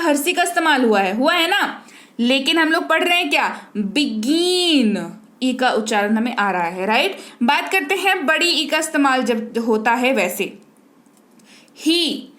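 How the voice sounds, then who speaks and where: Female teacher, high voice, patient and repetitive, quizzes the learner. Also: expressive, normal speed, a bit bright. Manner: patient, repeats and quizzes the viewer. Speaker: English teacher. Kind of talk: spoken language lesson.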